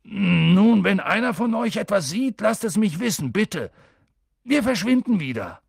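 A man voicing a gruff, wary giant gamekeeper in an audiobook who grows impatient and grumbles. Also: fairly high pitch, expressive, normal speed, no echo, clean studio sound, pitched above the performer's own voice, heavily acted. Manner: grumbling, then loud and pressing. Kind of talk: audiobook character voice.

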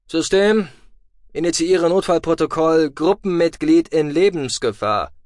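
A man voicing a calm, dryly humorous male space commander in an audiobook. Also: no echo, studio quality, close to an everyday voice. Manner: calm, measured, lower. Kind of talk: audiobook reading.

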